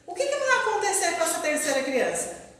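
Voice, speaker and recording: High-voiced woman teaching a class, keeps asking the room questions, far off the mic, lots of hall echo. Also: a little fast. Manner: lively, asks the audience questions, laughs often. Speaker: university professor giving a talk. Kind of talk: lecture to an audience. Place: lecture hall.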